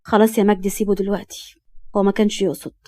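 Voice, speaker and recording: A woman's voice: medium pitch, level tone, very fast, dark tone, no room sound, lightly acted. Woman voicing a coaxing indulgent mother. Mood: soothing. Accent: Egyptian Arabic. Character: soothing middle-aged mother, indulgent.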